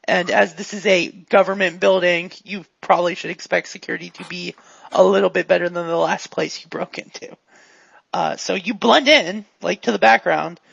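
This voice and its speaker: Guy gm'ing a tabletop game, super gravelly, kinda high voice, dull lo-fi mic. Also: fairly bright tone, no echo. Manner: playful, jokey, quick asides. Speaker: game master.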